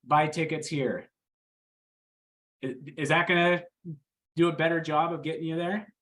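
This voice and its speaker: Energetic real estate coach, man. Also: fairly high pitch, fairly quick. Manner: animated storytelling, quizzes the room. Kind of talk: training talk to a small team.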